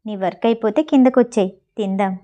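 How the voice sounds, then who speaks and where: A woman voicing a gentle, teasing young man in an audio novel, speaking softly and calmly. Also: high voice, a little fast, lo-fi sound, lightly acted.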